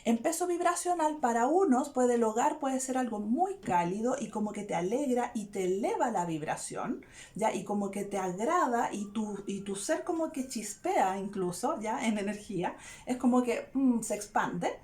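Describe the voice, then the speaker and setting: A woman's voice: on the high side, normal speed. A woman, a therapist explaining an idea to her viewers in casual talk that is often broken up by "¿ya?". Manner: frequent "¿ya?" check-ins, animated and searching for words. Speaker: therapist and video host.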